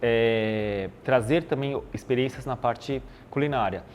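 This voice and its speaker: A podcast guest with a Brazilian Portuguese accent talks about his marketing job in a relaxed, explanatory way, full of fillers. His voice sits mid-range and he takes his time, with slight background noise.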